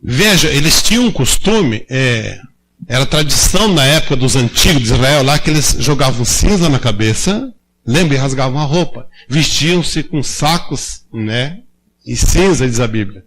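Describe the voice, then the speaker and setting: A man's voice: mid-range voice, normal speed, poor audio. A man from preaching at a church prayer meeting, telling stories informally and acting out the voices of the people in them. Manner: animated, acts out quoted voices, asks the congregation questions. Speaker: lay preacher. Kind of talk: informal sermon storytelling.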